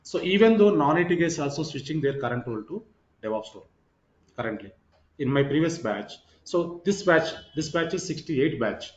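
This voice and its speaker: A man's voice: on the high side, expressive, normal speed. A man giving an informal online lecture as a course trainer, repeating himself and checking in with "right" and "okay". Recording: roomy echo, slightly muffled sound.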